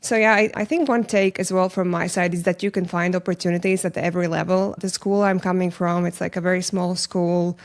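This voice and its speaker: A young woman from Latvia, speaking English with a Latvian accent, recounts her path as a founder in a casual interview. Her voice sits on the low side, and her delivery is earnest and reflective. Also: steady tone, fairly quick, hardly any pauses. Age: young adult. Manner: earnest, thoughtful, non-native phrasing. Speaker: podcast guest, founder.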